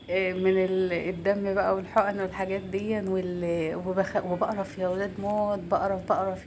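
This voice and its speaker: Egyptian lady vlogging, talks fast, chatty and gossipy, mid pitch. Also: noisy background. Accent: Egyptian Arabic. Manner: warm, gossipy, rambling storytelling. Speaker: clinic assistant and vlogger. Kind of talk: casual chatty vlog.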